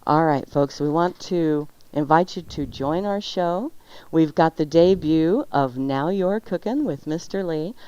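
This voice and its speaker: With a deep, warm, clean voice and an unhurried pace, a woman hosting a talk show reads health news and sponsor spots in a playful way. The recording is dry, yet dull and lo-fi, with music playing underneath.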